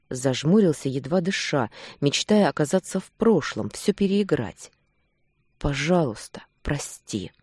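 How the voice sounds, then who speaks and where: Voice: mid-range voice, darkish tone, husky, no echo. An audiobook reader narrating a first-person romance with intense, emotional delivery.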